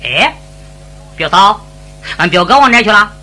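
A woman's voice: medium pitch, lively intonation, moderate pace, sharp tone, voice pushed down. A woman storyteller voicing a hot-tempered young male hero with a Henan accent, speaking in fierce, blunt threats. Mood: mocking.

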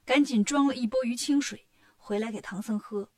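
A woman narrating a children's story with a lively, clear delivery. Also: a little high, moderate pace.

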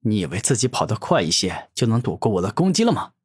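Man doing a deep growling monster villain. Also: sing-song, fast, slightly rough. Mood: furious. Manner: growling angry threats. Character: arrogant furious male monster warlord.

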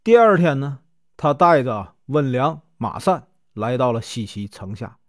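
A man's voice: medium pitch, sing-song, unhurried, dry recording, studio quality. A man retelling a classic legend as a storyteller, in a chatty folk style full of filler particles.

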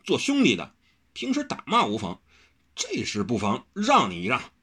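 Dude voicing a big dopey brawler, goofy and chill, husky, bouncy pitch. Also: male voice, wildly swooping pitch, pushed and bright, exaggerated voice. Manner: slow, dopey, easygoing. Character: big, dim-witted, good-natured male brawler.

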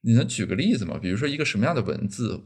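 A man's voice: mid-range voice, big pitch swings, very fast, gravelly, darkish tone, husky. A man hosting a podcast, asking curious, probing follow-up questions in a casual interview. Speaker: podcast host.

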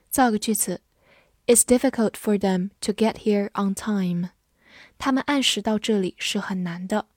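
A woman teaches English vocabulary in an unhurried, methodical way, spelling and repeating each word. Her voice sits at an ordinary middle pitch and sounds dry and close, with no room around it. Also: a little mellow, dry recording. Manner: spells and repeats words slowly and carefully; asks viewers to comment and follow. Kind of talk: vocabulary lesson for learners.

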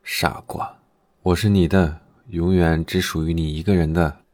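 Woman doing a low, coaxing young husband. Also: steady tone, unhurried, dry recording, clean studio sound. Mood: tender. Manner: gentle, coaxing. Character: doting young husband, soft-spoken, quietly sinister.

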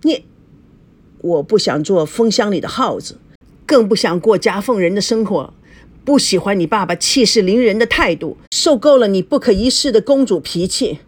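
A woman's voice: medium pitch, animated, moderate pace, close to an everyday voice. A woman voicing a young male fiancé who argues indignantly and angrily, in a storybook reading. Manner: indignant, angry. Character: young male fiancé, proud and quick-tempered.

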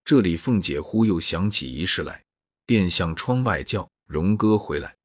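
A man narrating a classic novel as a storybook reading, in a steady, measured way. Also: low voice, breathy edge, no room sound, clean studio sound.

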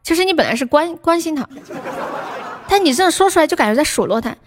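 High-voiced young woman chatting on a livestream. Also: lively intonation, quick pace, a little hiss or hum. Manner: chatty, teasing, playful advice-giving. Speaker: livestream singer and host. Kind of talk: casual livestream chat with viewers.

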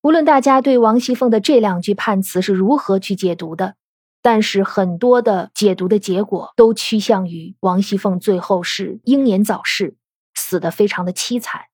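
A woman hosting a podcast, giving a scripted explanatory talk in a steady storytelling way, posing questions and then answering them. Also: medium pitch, normal speed, husky, dry recording, studio quality. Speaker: podcast host.

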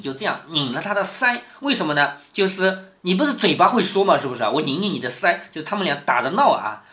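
A bright-toned man, middle-aged, reads a classic novel to his daughter and stops often to explain it. His pitch rises and falls a lot as he asks "right?" and acts out the quoted lines. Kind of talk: explaining story to a child.

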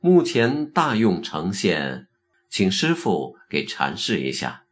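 A man voicing a blunt, quick-witted young Zen disciple in a told story, low and deliberate. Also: wildly swooping pitch, exaggerated voice. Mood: direct. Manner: plain-spoken, direct.

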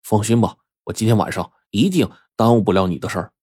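A man's voice: lowish voice, mellow, husky, dry recording, studio quality. A man voicing a poor young opera player who is loyal and talks eagerly. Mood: assuring. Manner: eager, quick.

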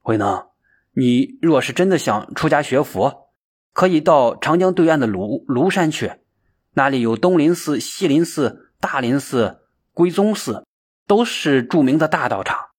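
A man's voice: medium pitch, expressive, a little slow, slightly rough. A man voicing an anxious, guilt-ridden young male monk who speaks in a raised, pleading way. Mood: urgent.

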